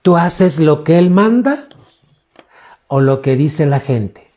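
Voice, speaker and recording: A man's voice: fairly high pitch, animated, slow pace, warm tone. A man, a pastor preaching a teaching sermon and quizzing his congregation with questions.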